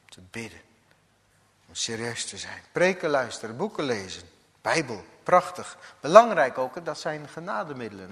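A man preaching a sermon as a pastor, slow and deliberate, now and then acting out the figures of a parable. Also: medium pitch, fairly bright tone, in a large hall.

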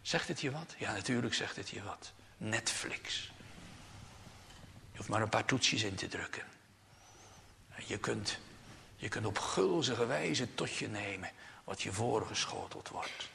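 Gravelly preacher dropping to urgent whispers. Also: male voice, lowish voice, animated, moderate pace, a little hiss or hum. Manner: swings between hushed near-whispers and loud emphatic outbursts; solemn, urgent exhortation with repeated phrases. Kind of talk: sermon from the pulpit. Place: church. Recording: long church reverb.

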